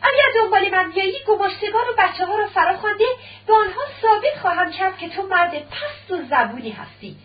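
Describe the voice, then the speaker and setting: Woman voicing a betrayed wife and mother, shouting, bitter, high-pitched, muffled distant sound. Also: big pitch swings, reverberant. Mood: furious. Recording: dull, distant old recording.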